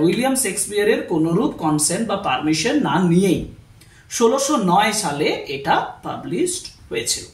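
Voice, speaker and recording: A teacher with a West Bengal accent giving a literature lesson, explaining step by step, spelling words out letter by letter and checking in with students. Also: mid-range voice. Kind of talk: exam-prep literature lesson. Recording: roomy, distant from the mic.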